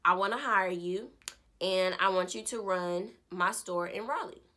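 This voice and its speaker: A woman's voice: medium pitch, unhurried, bright, forceful tone. A woman voicing an upbeat event organizer inviting someone on the phone. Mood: eager.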